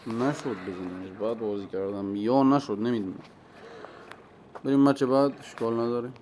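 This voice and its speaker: An excitable man gives running commentary over his own mobile match, muttering plans and then bursting out at his opponent. His voice sits in an ordinary middle pitch, with a faint hiss of noise in the background. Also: rough recording. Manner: excitable, talks to himself and the opponent, sudden shouts. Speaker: gaming streamer. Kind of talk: live gameplay commentary.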